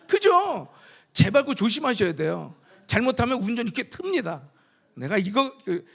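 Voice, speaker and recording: Korean pastor guy, revival sermon, gravelly voice, tells stories then shouts. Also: high voice. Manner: storytelling, shifts from soft asides to shouted exhortation.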